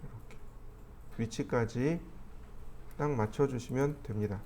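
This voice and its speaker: Guy walking through a 3d modeling tutorial, thinking out loud, little bit of hiss behind. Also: medium pitch, unhurried. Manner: step-by-step explaining, thinking aloud while clicking. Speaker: 3D modeling instructor. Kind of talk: screen-recorded software tutorial.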